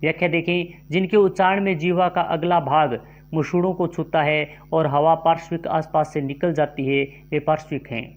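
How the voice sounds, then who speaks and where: A man with a somewhat high voice leads an exam-prep grammar lesson. He reads multiple-choice questions and their options aloud. Then he explains each answer at an unhurried, deliberate pace. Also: fairly even intonation, dull audio. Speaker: teacher.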